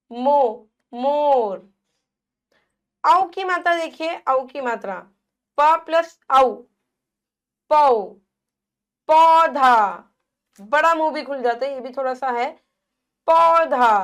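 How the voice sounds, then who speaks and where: A woman teaching young children, with a high voice and a slow, patient delivery. She stretches out each syllable so the sounds are easy to hear, then checks understanding with a quick question and repeats the answer herself. The pace stays unhurried throughout, the way a classroom lesson for small kids runs. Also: a bit bright. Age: adult.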